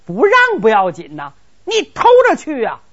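A woman voicing a lisping, scheming teenage boy who talks in excited, drawn-out exclamations, on a dull lo-fi recording. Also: a little high, heavily acted. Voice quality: lisp.

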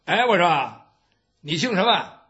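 A storyteller doing a pushy young martial-arts trainee who presses and challenges, his voice high and lively in pitch. The recording sounds dull and lo-fi. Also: measured pace, full character voice. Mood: challenging. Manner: challenging, demanding.

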